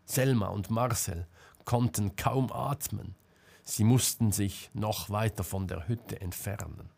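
A man reading a novel aloud as an audiobook narrator, measured and dramatic. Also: fairly low pitch, gravelly, a little mellow, husky. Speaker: audiobook reader.

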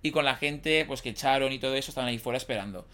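A young man from the Valencia region with a Valencian accent, whose first language is Valencian, chatting casually on a podcast and telling a lively, slangy anecdote. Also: medium pitch, very fast. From Valencia region, Spain. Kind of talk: casual chat, storytelling.

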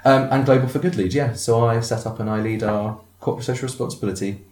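A man's voice: mid-range voice, steady tone, fast, a little mellow. A man in his twenties co-hosting a casual chat, teasing and laughing often. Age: 20s. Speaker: podcast co-host. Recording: echoey room.

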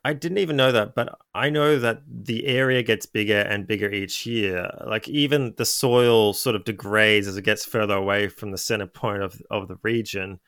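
Low-voiced man hosting. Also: moderate pace, few pauses, fairly bright tone, smooth, dry recording, studio quality. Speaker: podcast host. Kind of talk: casual interview chat.

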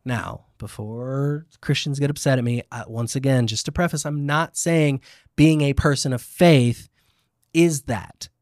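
A man's voice: mid-range voice, unhurried, a little mellow, dry recording, clean studio sound. A man hosting a casual faith podcast, talking emphatically with fillers and restarts. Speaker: podcast host.

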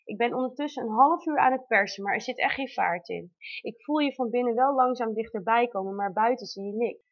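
A woman's voice: a little high, brisk. Tender woman reading a heartfelt letter. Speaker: mother telling her birth story. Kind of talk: reading a personal letter aloud. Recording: dull lo-fi recording.

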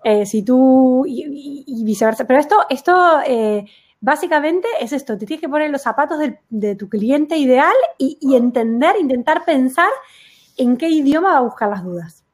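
In a relaxed conversation, this SEO consultant makes her points with emphasis and quick, everyday examples. Her voice sits high and sounds expressive, with a darkish tone.

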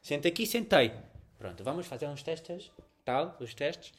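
A young man with a European Portuguese accent, telling a story in a casual podcast chat, animated, swearing often and acting out the scenes. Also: on the high side, moderate pace. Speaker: podcast co-host.

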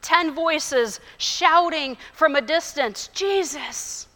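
Woman pastor, sermon, bright high voice, unhurried and earnest, long church reverb. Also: lively intonation. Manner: measured, earnest, storytelling. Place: church sanctuary.

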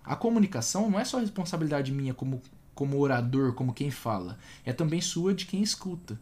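A man's voice: medium pitch, lively intonation, quick pace, a little mellow. A man giving a casual spoken lesson on communication, talking straight to the listener and acting out short example dialogues. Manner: conversational, direct address with frequent "tá?" and "entendeu?". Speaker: communication coach.

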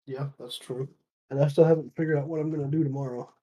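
A man chatting casually while playing a ghost-hunting game, low-key and trailing off into quiet mumbled asides. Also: steady tone, fast talker, husky. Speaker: podcast co-host. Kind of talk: casual gaming chat.

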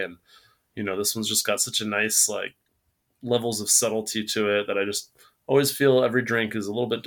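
A man's voice: lowish voice, creaky, fairly bright tone. Easygoing man explaining coffee on a podcast. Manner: easygoing, explains things plainly. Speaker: guest, coffee roaster. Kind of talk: casual podcast chat.

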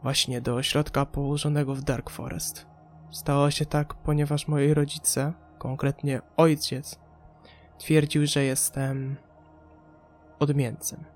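A man's voice: on the high side, flat delivery, slow, soft background music. A man voicing a haunted forty-year-old woman recalling her time in an asylum, in an audiobook. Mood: haunted, pained. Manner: withdrawn, pained recollection.

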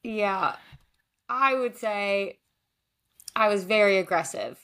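A woman's voice: medium pitch, expressive, slow pace, a bit bright. A young woman from Maryland, a former goalkeeper, answering interview questions in a chatty way with many fillers and laughs. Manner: chatty, many likes and ums, laughs often. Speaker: podcast guest, former goalkeeper.

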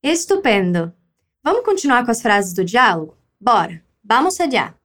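In this Spanish lesson, a high-voiced woman runs drills with lively energy. She encourages her listeners and says each phrase slowly for them to repeat.

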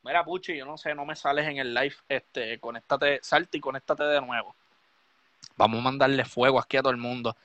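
A man's voice: medium pitch, fairly even intonation, brisk, sharp tone, no echo, dull audio. A Puerto Rican man, a DJ hosting a live stream, ranting drunk and swearing heavily. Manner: profane, heated, repetitive ranting.

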